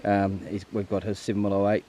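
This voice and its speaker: A man's voice: fairly low pitch, completely flat delivery, fairly quick, mellow. A man with a broad New Zealand accent, chatting casually and matily as the host of a hunting vlog. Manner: laid-back, matey slang. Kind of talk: casual outdoor vlog talk. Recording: faint outdoor background noise.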